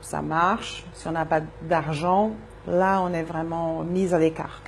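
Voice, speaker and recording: A woman's voice: sits low, fairly even intonation, measured pace, vocal fry, slight background noise. A woman from Brazil, a native Portuguese speaker, interviewed on radio as a Zumba and wellness coach, talking thoughtfully and repeating words as she searches for them.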